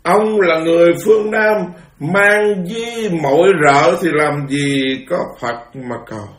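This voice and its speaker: A man voicing a stern old male patriarch who loudly scolds a newcomer with scorn. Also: on the high side, slow pace, reverberant, crowd noise, pitched above the performer's own voice. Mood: scolding. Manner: scornful, loud rebuke.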